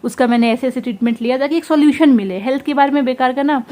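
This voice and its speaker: Brief: young woman, home vlogger, fast animated storytelling, tired and unwell, slightly high voice. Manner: fast, animated recounting with quoted dialogue. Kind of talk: casual vlog storytelling.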